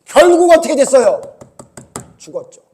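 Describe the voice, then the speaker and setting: High-voiced pastor preaching with rhetorical questions. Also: male voice, big pitch swings, normal speed. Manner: rhetorical questions to the congregation, rising to forceful rebuke. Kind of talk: sermon.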